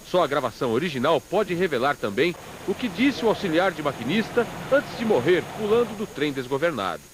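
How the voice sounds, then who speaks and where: Brazilian male reporter, scripted news delivery, high and very varied voice, slight background noise. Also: very animated, a little fast.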